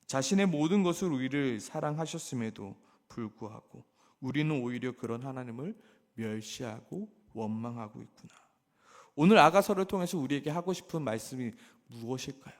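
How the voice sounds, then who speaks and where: A man preaching a sermon with passion, asking his listeners question after question and swinging from loud emphatic peaks to hushed low passages. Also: animated, normal speed, long reverb tail. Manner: rhetorical questions to the congregation. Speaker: pastor.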